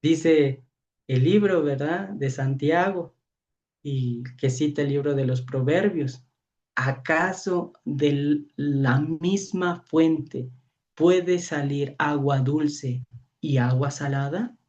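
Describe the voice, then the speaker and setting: A priest with a Mexican Spanish accent, preaching in a storytelling way, acting out voices and often asking "¿verdad?". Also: male voice, fairly high pitch, takes it slowly, darkish tone. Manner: storytelling, acts out voices, frequent rhetorical "¿verdad?". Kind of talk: preaching to a youth training session. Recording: dull lo-fi audio.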